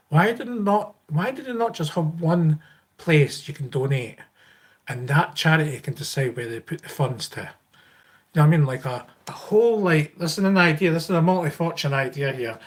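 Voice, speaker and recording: Here the Scottish host's voice is a little high and expressive, moving at a normal speed. It's a casual live Q&A where he rambles along, picking up viewer comments and answering them in an easygoing, informal way.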